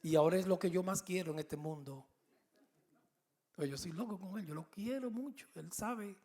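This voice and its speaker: Pastor de mediana edad, voz algo aguda y rasposa, sermón narrado con humor. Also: male voice, high-pitched, normal speed. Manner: animated storytelling with humor. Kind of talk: sermon.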